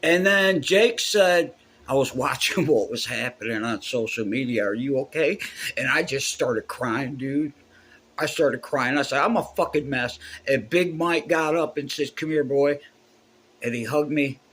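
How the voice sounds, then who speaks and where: A man's voice: medium pitch, measured pace, fairly bright tone, husky. A man, a musician telling a heartfelt, profane story in a casual way.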